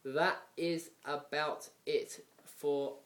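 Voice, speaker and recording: A man's voice: a little high, steady tone, very slow, a bit bright, roomy sound, recorded from a distance. A chatty man from England hosting a casual football podcast, predicting match results and laughing often. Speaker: podcast host.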